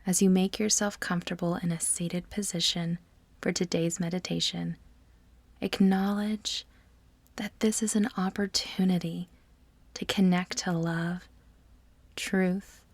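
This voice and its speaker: A woman guides a meditation in a soft, breathy, nearly whispered voice with a fairly low pitch and a level tone. She is soothing and measured, leaving deliberate pauses between phrases. There is no echo.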